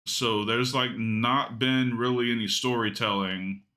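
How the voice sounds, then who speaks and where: A man co-hosting a podcast, chatting casually and reasoning through his opinions in a measured way. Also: mid-range voice, fairly even intonation, sharp tone. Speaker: podcast co-host. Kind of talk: casual analytical chat.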